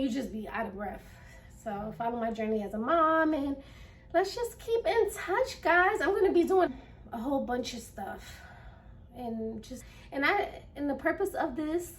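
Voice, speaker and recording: Woman vlogger, high voice, earnest and slightly winded, mic set a bit back. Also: a little slow. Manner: earnest, repeats phrases, many fillers. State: slightly out of breath; nervous. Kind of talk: casual first-vlog chat. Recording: voice a little distant from mic.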